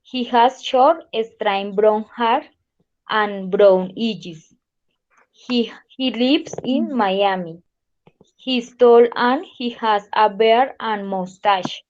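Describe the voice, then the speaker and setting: A woman in her thirties with a Colombian accent presents herself in English for a class. Her delivery is slow and halting, as a learner's, set a bit high. The sound is dull and lo-fi. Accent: Colombian Spanish. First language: Spanish. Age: 30s. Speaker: language student.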